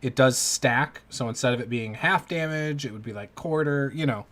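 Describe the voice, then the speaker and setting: A man improvising narration as the game master of a tabletop game, halting and informal as he searches for words. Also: mid-range voice, fairly bright tone.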